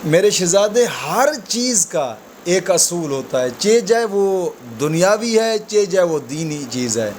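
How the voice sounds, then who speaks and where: A man's voice: sing-song, a little mellow, a little hiss or hum. A man giving a conversational religious talk to viewers, calling them friends and explaining with everyday examples. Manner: slow, low Arabic recitation at the opening. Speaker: spiritual advice presenter.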